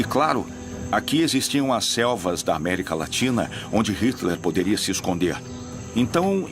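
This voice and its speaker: A man voicing dubbed documentary commentary in a storytelling manner. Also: on the low side. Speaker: voice-over dubber of an interviewee. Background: music.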